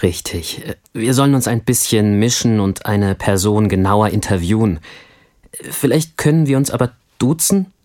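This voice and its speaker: A man playing a friendly young family man in a language course, answering interview questions in a scripted textbook dialogue with calm, clear speech. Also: fairly low pitch, normal speed, natural voice. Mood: friendly, relaxed.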